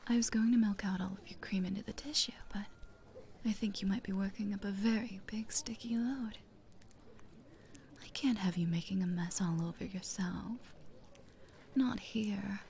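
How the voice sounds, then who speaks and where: A woman speaking in a soft, coaxing, teasing whisper close to the mic, as in an intimate audio roleplay. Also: medium pitch, moderate pace, gravelly, long pauses.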